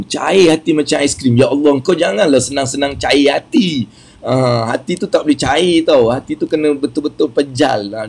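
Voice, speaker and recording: A man's voice: fairly high pitch, darkish tone, slightly rough. A Malaysian man with a Malaysian Malay accent giving a playful motivational talk, often asking the listeners questions and laughing at his own jokes. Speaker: motivational speaker.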